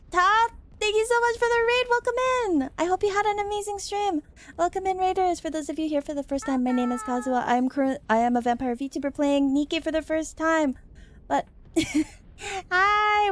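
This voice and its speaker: A woman's voice: sits high, a little fast. A woman livestreaming in casual chat, with a cute, bubbly anime-streamer delivery. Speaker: streamer, VTuber.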